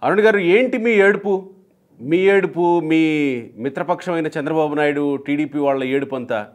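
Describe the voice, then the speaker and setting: A man's voice: fairly high pitch, normal speed. A man hosting a political interview for a news channel, putting needling, provocative questions to his guest.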